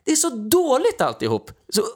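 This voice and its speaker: A man's voice: very high voice, huge pitch swings. Guy ranting sarcastic about politics, voice jumps all over the place. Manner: ranting, sarcastic, mocking impressions. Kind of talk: casual political chat.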